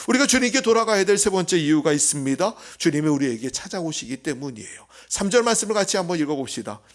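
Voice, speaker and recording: Animated pastor preaching a sermon. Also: male voice, a little high. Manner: earnest preaching, swells loud then drops to a hush. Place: church sanctuary.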